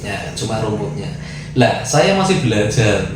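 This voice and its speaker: A man's voice: on the low side, measured pace. A man from Central Java telling a long personal story in casual chat, acting out the people in it with changing voices. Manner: animated storyteller, voices the people in his tale. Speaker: guest storyteller. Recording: echoey room with noise.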